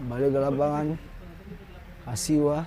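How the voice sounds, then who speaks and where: A man's voice: fairly high pitch, little pitch movement, measured pace, mellow. A man giving live play-by-play commentary on a football match.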